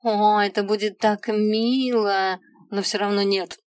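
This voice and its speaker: A woman's voice: medium pitch, fairly even intonation, a little slow, no room sound, close to an everyday voice. A bored little imp of the afterlife, as a woman reader puts him on, sighing through his shift. He sounds raised and pushy, every line dismissive and indifferent. The storybook audio is dry and close. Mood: weary irritated. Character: bored, irritable male imp clerk of the afterlife.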